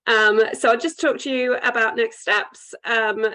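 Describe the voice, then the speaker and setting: A woman's voice: fairly high pitch, fairly even intonation, unhurried, bright, forceful tone, low-quality recording. A woman with a British accent presenting on an online call in a polite, businesslike conference-call manner. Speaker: webinar presenter. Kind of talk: online sales presentation with questions.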